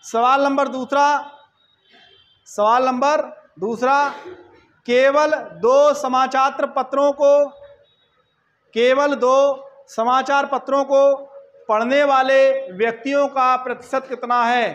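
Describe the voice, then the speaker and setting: High-pitched man teaching math. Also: little pitch movement, slow, long pauses, fairly bright tone, highs cut off. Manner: repeats each question, quizzes listeners with rhetorical checks. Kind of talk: exam-prep math lesson.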